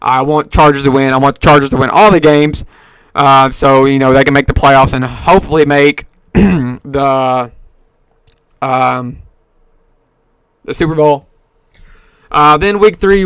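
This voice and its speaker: Rambling man with a smooth, dry voice. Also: a little high, fairly bright tone, no echo. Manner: rambling, lots of fillers and self-corrections. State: hiccups. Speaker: podcast host. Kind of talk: casual solo sports talk.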